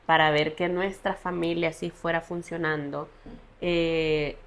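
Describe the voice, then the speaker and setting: A young woman, telling her personal story as a podcast guest in an earnest, halting way. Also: deep voice, level tone, a bit bright. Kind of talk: personal testimony in a podcast interview.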